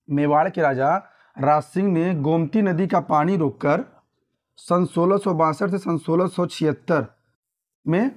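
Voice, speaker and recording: A man's voice: fairly high pitch, darkish tone. A young man from Uttar Pradesh teaching an exam-prep lesson, repeating points and quizzing listeners with tag questions. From Uttar Pradesh, India.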